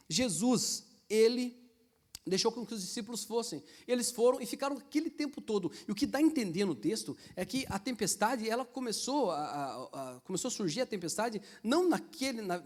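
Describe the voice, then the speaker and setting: A man with a Brazilian Portuguese accent preaching a sermon as pastor, telling stories with lively swings to emphatic peaks and acting out the quoted voices. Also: high voice. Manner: animated storytelling, rising to emphatic peaks, acts out quotes.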